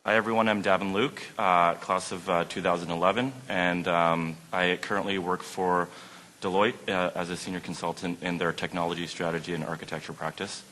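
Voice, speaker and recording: A man in his thirties from Vancouver, answering as a panelist in a measured way with frequent fillers. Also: deep voice, fairly even intonation, pushed and bright. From Vancouver, Canada. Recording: echoey hall, faint ambience.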